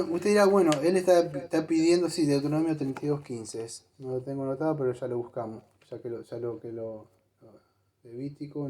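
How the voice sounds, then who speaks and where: A man delivers a sermon in a church, his voice somewhat high for a man yet warm and soft-edged. He preaches conversationally, calling directly to his listeners. He often stops to think aloud and search for Bible verses. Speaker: pastor.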